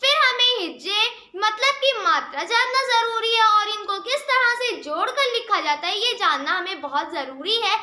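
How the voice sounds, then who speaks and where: A woman teaching the Urdu script, who asks questions and answers them herself, repeats key sounds slowly and mixes English words into her Hindi. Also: extremely high pitch, lively intonation, pushed and bright, echoey room. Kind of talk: spoken tutorial explaining Urdu script.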